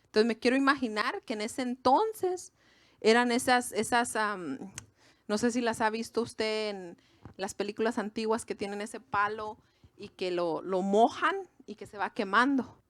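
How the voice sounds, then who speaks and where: A woman preacher from Mexico, with a Mexican accent, talks through an informal sermon at a women's gathering, addressing asides to the listeners in a conversational style. Her voice runs on the high side and a little slow, and there is no echo.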